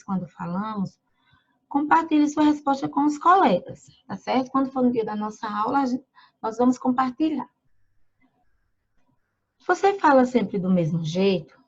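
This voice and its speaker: A woman from Brazil who teaches young children in a remote lesson. She reads slowly, names the punctuation marks aloud and asks the children questions. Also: a little high, highs cut off.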